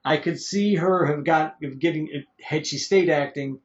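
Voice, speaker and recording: A man's voice: a little high, moderate pace. A man casually chatting as a podcast co-host reviewing an old movie, rambling and chuckling, tripping over names. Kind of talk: casual chat. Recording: dull lo-fi podcast audio.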